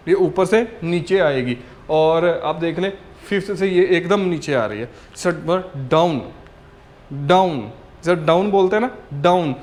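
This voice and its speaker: A man teaching a language lesson in a patient, explanatory way, often checking in with "okay" and sounding out examples. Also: sits high.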